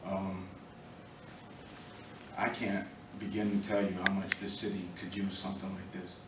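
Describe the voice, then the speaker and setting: This is a low, level-toned voice from a middle-aged American man in Norwalk, Connecticut, once a boxer, now speaking up for a youth program. His unplanned testimony comes in short, earnest phrases with pauses between them. Captured from across an indoor meeting room, the audio is distant, muffled, echoey and noisy.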